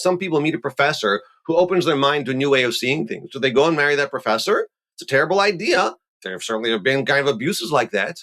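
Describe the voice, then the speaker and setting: A man, a rabbi, talking on a podcast and arguing emphatically, building his point through everyday examples. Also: fairly high pitch. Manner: animated, emphatic, argues with examples. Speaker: rabbi guest. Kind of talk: podcast discussion.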